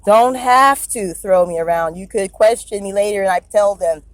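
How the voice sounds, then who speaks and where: Sitting in her car, a woman records a police stop on her phone, speaking at normal speed in a medium-pitched voice. She is anxious and rambling, stammering and deferentially repeating herself, and the recording is dry.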